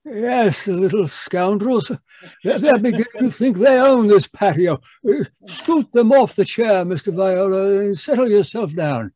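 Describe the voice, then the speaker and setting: Fussy Doctor Watson, high and husky. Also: male voice, measured pace, warm tone, dry recording. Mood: fussy, excited. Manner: hesitant, stammering, repeating himself, avuncular. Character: fussy, genial older English doctor recounting old cases. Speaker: storytelling narrator character. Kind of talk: old-time radio drama acting. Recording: live video-call performance.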